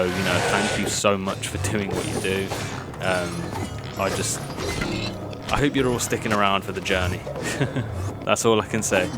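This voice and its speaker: This low-pitched gaming YouTuber is a young Birmingham man whose mild Birmingham English comes through as he talks over his gameplay. The commentary is casual and self-conscious, full of fillers and nervous little laughs.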